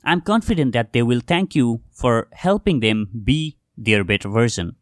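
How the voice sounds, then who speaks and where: A man's voice: mid-range voice, animated, normal speed, no room sound, clean studio sound. A young man from Nepal, hosting his podcast in an earnest, scripted monologue that talks straight to the listeners. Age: young adult. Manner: earnest, addresses listeners directly as "guys". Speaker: podcast host.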